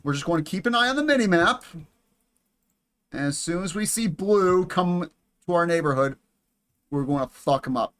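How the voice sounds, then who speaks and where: A young man giving casual, excitable commentary over a strategy game, swearing and chatting with viewers. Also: on the high side, normal speed, pauses often. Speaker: gaming YouTuber.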